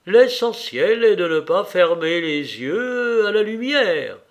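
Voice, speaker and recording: A man voicing a weary, solemn high official who talks in a preaching way. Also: animated, slow pace, full character voice.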